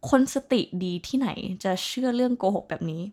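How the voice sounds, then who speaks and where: A woman's voice: on the high side, brisk, darkish tone. A woman hosting a casual vocabulary lesson, chatting along and spelling English words out letter by letter. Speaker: host teaching English vocabulary.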